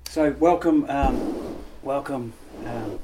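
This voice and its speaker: A man hosts a casual radio show, speaking haltingly in short phrases with pauses. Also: medium pitch, noisy background. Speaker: radio host.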